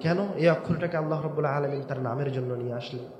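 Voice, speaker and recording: A man preaching a waz sermon, swinging between shouted emphasis and low drawn-out words, with rhetorical questions to the crowd. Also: reverberant, muffled recording. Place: large outdoor religious gathering.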